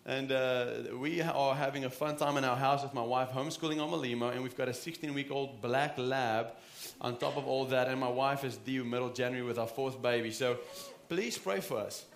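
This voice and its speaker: A pastor in his thirties with a South African accent preaches an earnest, conversational sermon in a church sanctuary, restarting often. His mid-range voice is gravelly and a little fast, with few pauses. The room is echoey.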